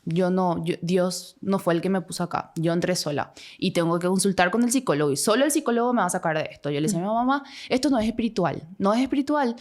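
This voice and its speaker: A young woman, telling her own story as a podcast guest and acting out the voices in it. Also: lowish voice. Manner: fast, emotional retelling, acts out her own past voice. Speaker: guest sharing testimony. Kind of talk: personal story in a podcast conversation.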